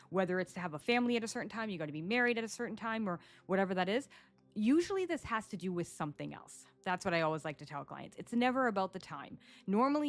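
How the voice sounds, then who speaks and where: A woman in her forties hosting a casual solo podcast, chatty and animated, telling stories and acting out what her clients say. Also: fairly low pitch. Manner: chatty, animated storytelling, acts out quoted clients. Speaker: psychic podcast host. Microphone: studio microphone.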